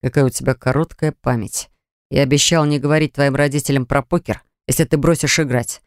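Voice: medium pitch, fairly even intonation, fairly quick, no echo, clean studio sound, lightly acted. A woman reader voicing a young husband who speaks curtly and sternly, in an audiobook story. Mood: cold, stern. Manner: curt, stern. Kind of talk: audiobook character voice.

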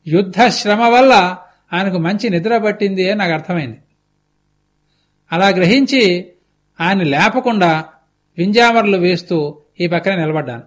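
High-voiced man giving a religious discourse. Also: moderate pace, long pauses. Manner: explanatory storytelling with conversational asides. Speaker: spiritual discourse speaker.

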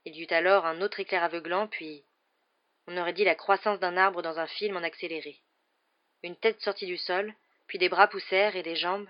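A woman narrating an audiobook in an even, measured reading, in a dull, muffled recording. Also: on the low side. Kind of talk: scripted narration.

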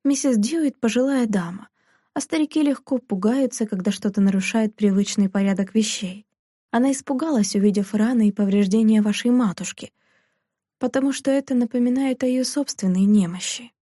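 A woman reading aloud, voicing a young male marquis who speaks softly and calmly. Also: on the high side, a little fast, dry recording, clean studio sound, natural voice. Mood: gentle. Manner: soft and calm. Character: gentle aristocratic young marquis, man.

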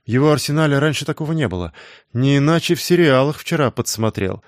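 A man narrating an audiobook in a brisk, wry storytelling manner. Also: mid-range voice, lively intonation, dry recording, studio quality. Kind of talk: scripted narration.

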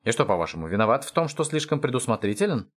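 A man's voice: medium pitch, big pitch swings, fast talker. A man voicing a defensive, overcautious male alien mercenary who protests indignantly.

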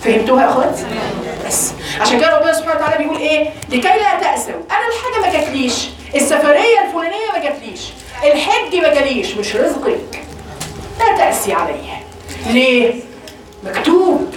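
A high-pitched woman with an Egyptian accent teaches a religious lesson to women. She talks fast and lively, posing questions to her listeners and answering them herself. Her voice sounds distant, caught in a very echoey room. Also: a crowd in the background. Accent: Egyptian Arabic. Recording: echoey room, voice far from the mic.

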